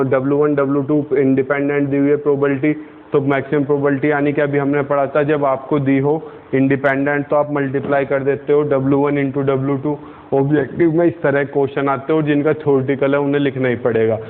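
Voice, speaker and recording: A young man teaching physics at a whiteboard, explaining step by step and asking his students questions. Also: mid-range voice. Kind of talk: whiteboard lecture. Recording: tinny phone-like lo-fi sound.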